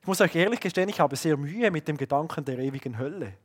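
A male preacher delivers his sermon in a voice pitched a little above the usual for a man. He pushes some lines out loud and fast, then pulls others down to a near hush and slows right down on them. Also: animated. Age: adult, father of young children. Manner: swings between loud emphasis and hushed, slow lines.

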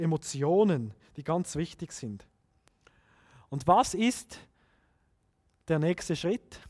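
Man, high voice, earnest sermon, emphatic, pausing often. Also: darkish tone. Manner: earnest, emphatic, frequent pauses. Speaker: preacher.

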